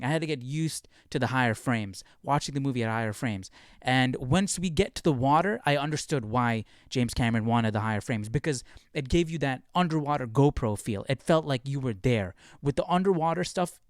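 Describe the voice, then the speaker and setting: A man giving a casual, conversational film review, thinking out loud as he talks. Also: medium pitch, no room sound, clean studio sound.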